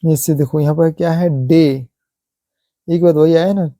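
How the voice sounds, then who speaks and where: A man teaching English pronunciation, repeating example words slowly and asking rhetorical questions. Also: fairly high pitch, flat delivery, dark tone, dry recording. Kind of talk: slow classroom explanation.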